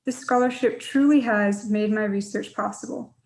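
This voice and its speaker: A young woman from Georgia, a PhD student, giving a measured, prepared scholarship talk. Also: mid-range voice, steady tone, a little mellow, rough recording. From Georgia, USA.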